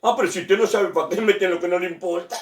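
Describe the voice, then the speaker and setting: A man telling jokes in an animated way, acting out the characters and laughing at his own punchlines. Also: high voice, fast talker, echoey room, distant mic, heavy background noise. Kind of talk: joke telling.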